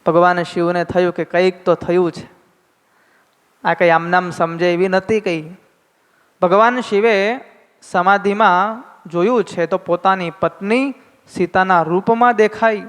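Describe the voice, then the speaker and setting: Gujarati swami giving a sermon, high smooth voice, acts out the dialogue, big echoey hall. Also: male voice, steady tone, measured pace, pauses often, a bit bright. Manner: dramatic, voices the characters in dialogue. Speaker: swami giving scripture discourse. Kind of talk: devotional storytelling sermon with chanted verses. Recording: long hall reverb.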